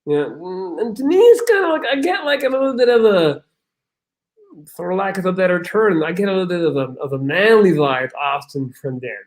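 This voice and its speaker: Blunt, high-pitched Belgian man. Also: animated, normal speed. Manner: blunt, swearing, rambling with restarts. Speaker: podcast guest. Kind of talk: casual chat.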